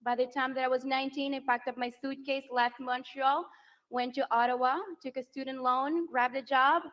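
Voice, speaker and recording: A Venezuelan woman in her thirties, high-pitched and steady in tone, speaks at normal speed as she introduces her candidate spouse at an outdoor rally. Her emotional, rousing speech on a handheld mic moves from soft passages to shouted applause lines over a large crowd, with slightly dull broadcast sound.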